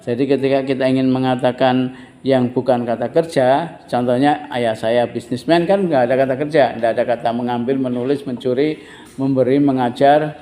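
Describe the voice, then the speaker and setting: A male teacher giving an English lesson to a class, patiently repeating phrases slowly for learners. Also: medium pitch, mellow, big-room sound.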